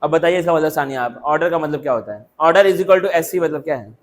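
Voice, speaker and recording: A man's voice: on the high side, brisk, slight background noise. A man teaching a coaching class, scolding his students in a stern, repetitive lecturing manner. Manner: stern, lecturing, repeats himself.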